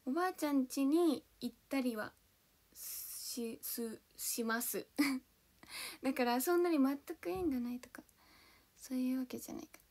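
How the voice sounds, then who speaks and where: In a high, darkish voice at a measured pace, a young woman chats casually on her livestream as an idol, bubbly and giggly. She works through viewers' comments one by one, reading each aloud and offering thanks. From Kanto, Japan, she was born in Hiroshima.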